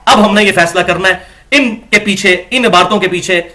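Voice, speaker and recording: A man giving an argumentative religious lecture, reading quotations from books and reciting verses slowly. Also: sits high, sharp tone. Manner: argumentative, reads quotes aloud and recites scripture slowly. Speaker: religious scholar.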